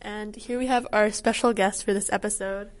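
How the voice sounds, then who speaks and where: A teenage girl co-hosting a casual review podcast, easygoing and quick to laugh. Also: mid-range voice, steady tone, slight background noise. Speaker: co-host. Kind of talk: casual chat.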